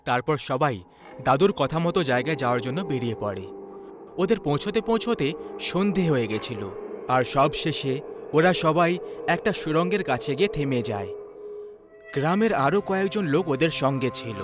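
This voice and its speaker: A man calmly narrating a horror story in a measured storytelling voice. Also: on the high side, music in the background.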